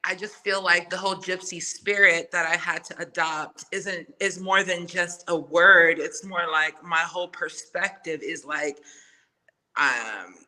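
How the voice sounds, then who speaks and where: A Samoan woman who speaks Samoan natively is a music artist appearing as a guest in a casual podcast interview, talking candidly with slang and swearing. Her voice is lowish, steady, bright and forceful, at a measured pace. The audio quality is poor.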